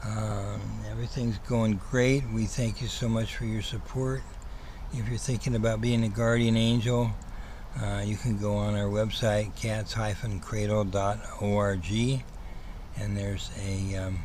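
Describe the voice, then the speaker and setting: A man giving a casual livestream update as a host, rambling and halting, with a slight whistling lisp from missing front teeth. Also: lowish voice, flat delivery, a little mellow. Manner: rambling, hesitant, halting with repeated words. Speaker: host, cat rescue operator. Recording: clearly noisy ambient background.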